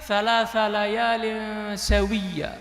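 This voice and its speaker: A man's voice: sits high, flat delivery, a bit bright, soft background music, heavily acted. A man doing a pious old woman chanting. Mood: solemn reciting. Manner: slow solemn chanted recitation. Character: pious old woman pilgrim answering only in verses. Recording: echoey hall reverb.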